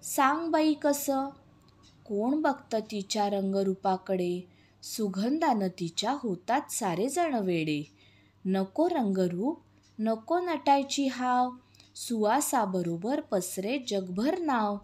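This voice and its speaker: A woman reading a children's poem, voicing Panti, a kind female friend who coaxes and soothes in a gentle storybook voice. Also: on the high side.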